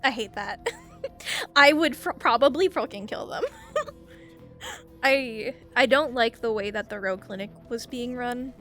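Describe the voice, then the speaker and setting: A woman with a fairly high voice chats bluntly and swears freely. Faint music plays in the background. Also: lively intonation, slow, pauses often, a bit bright. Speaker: roleplayer, medic player. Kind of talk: casual group chat.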